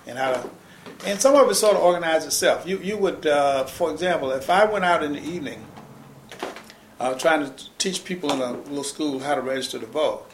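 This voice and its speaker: An older man tells his story in an oral history interview. He talks fast and emphatically, circling back with restarts as he pushes his point. His voice carries a roomy echo. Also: medium pitch, a little hiss or hum. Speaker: interviewee, former civil rights organizer.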